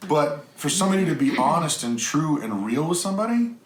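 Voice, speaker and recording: A man's voice: a little high, big pitch swings, fairly quick. A middle-aged man co-hosting a family vlog, talking earnestly and at length to the camera. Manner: earnest, talkative, encouraging. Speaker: homestead vlog co-host. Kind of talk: casual chat to camera. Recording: echoey room, faint hum.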